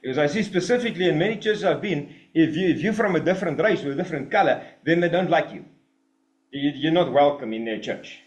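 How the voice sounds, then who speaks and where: A man preaching a sermon in an emphatic, animated way, with mocking asides. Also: a little high, quick pace. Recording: roomy echo.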